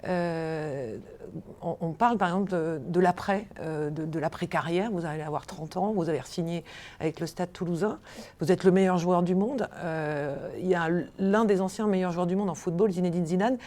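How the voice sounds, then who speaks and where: A woman with a low, warm voice leads a radio interview in a studio. Her questions wander with fillers and self-corrections. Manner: halting, many fillers and restarts.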